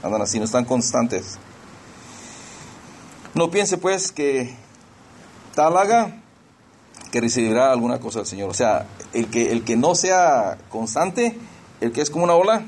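A man's voice: mid-range voice, big pitch swings, a little slow, pauses often, darkish tone. A middle-aged man preaching a sermon in a conversational way, slipping into English phrases and often restarting his sentences. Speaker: pastor.

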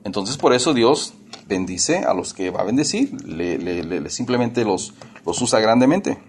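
A man's voice: on the low side, expressive, moderate pace, slight background noise. A man preaching a casual, conversational sermon, often repeating and restarting his words.

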